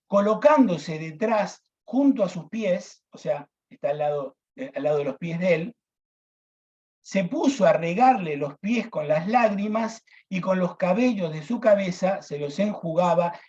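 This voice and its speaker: A man's voice: a little high, mellow, dull audio. Emphatic man teaching scripture. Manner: emphatic, repeats key phrases, addresses listeners as brothers. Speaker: deacon teaching a Bible class. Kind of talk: Bible class teaching.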